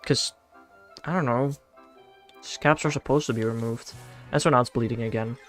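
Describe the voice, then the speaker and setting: A young Dutch man with a Dutch accent streams a game, chatting casually and slangily with his chat, answering them while he plays and talking to himself in a laid-back way. His voice is medium in pitch, steady in tone, and at normal speed, with soft background music.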